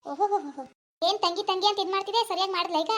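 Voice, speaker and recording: A sharp-tongued older mother-in-law scolds and mocks in a cartoon village home, as a woman puts her on. Her voice is high and quick. She taunts her daughter-in-law without letting up. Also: flat delivery. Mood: scornful. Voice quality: scolding, scornful. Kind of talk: cartoon voice acting.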